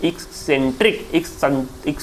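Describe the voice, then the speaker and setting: A man with an Indian accent teaching English vocabulary in a lively, chatty online lecture, repeating words aloud and calling listeners brother. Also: on the high side, slow, slight background noise. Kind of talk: online exam-prep lecture.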